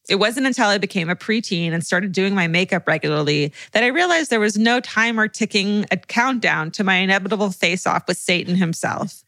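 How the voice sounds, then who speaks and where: A woman co-hosting a podcast reads listener letters and chats expressively, laughing easily and swearing. Her medium-pitched voice is fairly bright, and the recording is dry.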